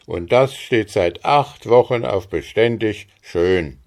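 A man reading aloud, voicing a blustering, stout, rich old farmer with a loud and gruff manner. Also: fairly low pitch, slow.

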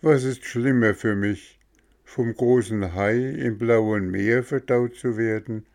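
A man voicing a calm, resigned dolphin with a hoarse voice, speaking in a raised register. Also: medium pitch, takes it slowly, pitched above the performer's own voice.

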